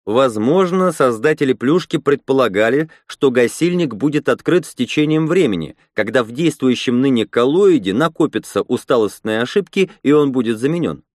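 A man's voice: mid-range voice, animated, moderate pace, hardly any pauses, a little mellow, no echo, clean studio sound, lightly acted. A man reading a story, voicing a pleased male leader giving a speech to a crowd. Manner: speechmaking, smug. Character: male rebel leader Zyama, pleased orator.

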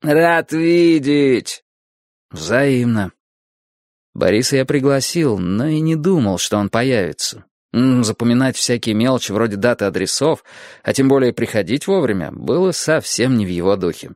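A male audiobook narrator with a mid-pitched voice and a lively, expressive pitch line. He tells the story in a measured way. The sound is dry and close to the mic. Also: dry recording.

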